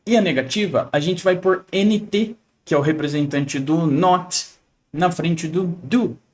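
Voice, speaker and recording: A man's voice: on the high side, a little slow. A young man from Brazil teaching an English lesson in a chatty, explanatory way, often checking in with the listener and shifting his intonation to model questions. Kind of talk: casual online lesson.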